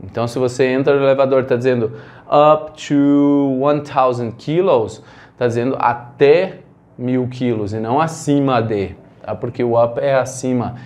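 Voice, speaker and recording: A man's voice: medium pitch, normal speed, a little mellow. A man from Brazil teaching an English grammar lesson, explaining step by step and asking rhetorical questions.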